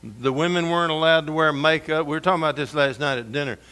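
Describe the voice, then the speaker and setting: A middle-aged man preaching a storytelling sermon, folksy and humorous, going soft and intense for scripture. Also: on the high side, fast talker, clear, resonant tone.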